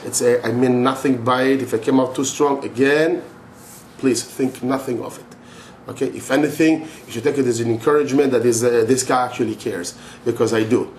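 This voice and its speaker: A man's voice: mid-range voice, fairly even intonation, brisk, darkish tone. A middle-aged man speaking as a religious teacher in an impassioned monologue, emphatic and insistent, often repeating himself. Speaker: religious teacher answering a question. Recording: echoey room with faint noise.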